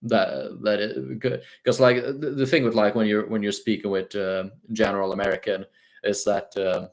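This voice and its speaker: A young Swedish man speaks English with a light British lean over his Swedish accent, in a slightly low voice. He answers viewer questions on a casual livestream, pausing often with ums and uhs and restarting his sentences. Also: steady tone, creaky. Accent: Swedish-tinged British English. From Sweden. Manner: hesitant, many fillers and restarts.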